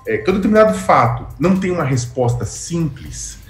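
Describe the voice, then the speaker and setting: A man in his thirties answers in an interview over a webcam from a home room, his voice carrying a roomy echo. He talks in long explanatory runs, stopping and restarting often, then pushing his pitch up on key points. Faint music sits underneath. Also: very animated, fairly quick. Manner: hesitant, restarts often, rising emphasis. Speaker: interview guest. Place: home room with framed pictures on wall. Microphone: webcam video call.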